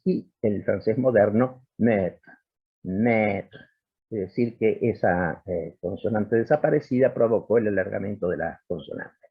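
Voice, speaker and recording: A man's voice: mid-range voice, slightly rough. Guy lecturing, voice swoops up and down a lot as he sounds out words, muffled video call audio. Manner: explanatory, stops to sound out example words. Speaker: linguistics lecturer. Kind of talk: academic lecture.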